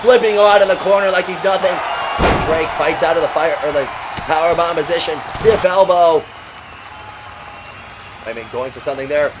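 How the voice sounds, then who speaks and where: A man's voice: fairly high pitch, normal speed, pauses often. A man working as a wrestling commentator, calling the action move by move with dramatic, exclamatory delivery. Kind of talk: excited play-by-play wrestling commentary. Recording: loud crowd and heavy arena noise. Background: noisy crowd.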